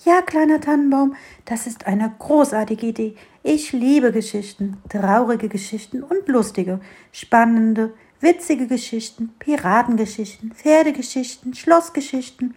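A woman voicing a shy, gentle blind male mole in a storybook reading, talking softly and wistfully. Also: fairly high pitch, unhurried, lightly acted. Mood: excited.

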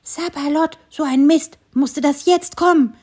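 A woman's voice: high-pitched, steady tone, measured pace, a little mellow, voice pushed up. A woman voicing a grumpy little squirrel who complains fussily, for a children's story. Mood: grumbling. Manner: fussy, complaining, exclaiming. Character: grumpy little squirrel, cross and easily upset.

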